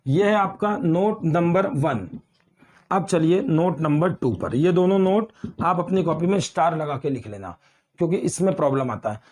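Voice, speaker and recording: A man teaching grammar in an online exam-prep lecture, explaining slowly with repeated examples and calling his students beta. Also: on the high side, a little mellow.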